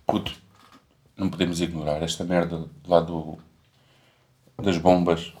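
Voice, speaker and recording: A man's voice: sits low, little pitch movement, measured pace, warm tone. A young man, chatting casually in a rambling, slangy way full of swearing. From Portugal. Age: young adult. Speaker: podcast co-host. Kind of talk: casual chat.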